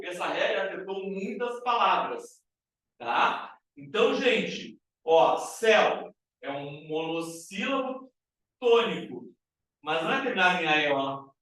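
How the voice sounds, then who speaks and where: A man with a Brazilian Portuguese accent teaching a classroom grammar lesson, lively and often checking in with rhetorical questions. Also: high voice. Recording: very echoey room from far off.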